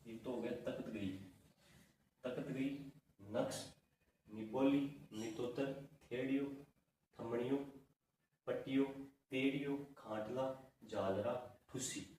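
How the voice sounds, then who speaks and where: A man teaches an exam-prep lesson, running through long lists and quizzing himself as he goes. His voice sits at an ordinary pitch. He is recorded from a distance in a very echoey room with a faint hiss underneath. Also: fairly even intonation, slow, long pauses, darkish tone. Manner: drilling lists, asking and answering his own questions.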